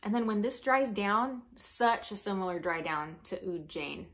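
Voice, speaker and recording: A woman's voice: medium pitch, animated, a little slow, fairly bright tone. A young American woman with braces slightly affecting her articulation, chatting informally and expressively to camera in a product review. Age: young adult. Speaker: perfume reviewer. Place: small furnished room at home, indoors.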